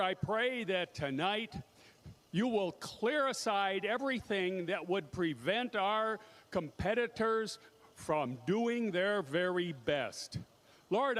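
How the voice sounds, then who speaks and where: Slow, high-voiced male chaplain praying. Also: a bit bright. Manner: solemn, deliberate. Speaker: track chaplain. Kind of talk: public prayer.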